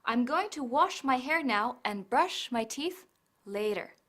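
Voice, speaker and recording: A high-pitched woman reads scripted narration for an English lesson. She explains grammar and pronunciation slowly, in measured Spanish sentences with English examples. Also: lively intonation, fairly bright tone.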